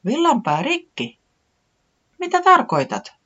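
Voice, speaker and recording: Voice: medium pitch, sing-song, lo-fi sound, voice pushed up. A reader doing a caring, fussing mother bird. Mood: concerned. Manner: soft, questioning and soothing.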